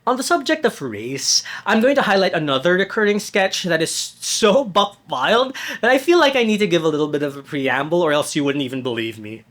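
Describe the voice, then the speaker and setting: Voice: medium pitch, lively intonation, brisk, few pauses, fairly bright tone. A narrator reading a scripted video essay in a conversational tone with wry asides.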